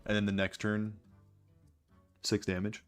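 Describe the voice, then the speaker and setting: A man hosts a gameplay video in a low-set voice. He talks casually and takes his time, with a dry, understated wit. Faint music plays underneath. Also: completely flat delivery, measured pace, smooth. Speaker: gaming video host.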